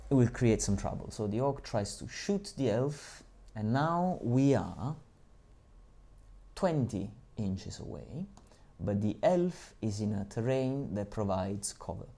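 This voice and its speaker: A man's voice: lowish voice, sing-song, slow, vocal fry, mellow. A man presenting a tabletop game tutorial, patiently explaining the rules step by step with small asides.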